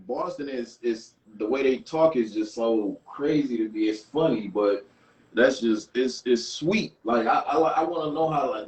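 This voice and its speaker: Detroit man guest, mid-pitched, hyped and slangy, casual chat. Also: low-quality recording. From Detroit, Michigan. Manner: hyped, slangy, laughs a lot. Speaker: interview guest.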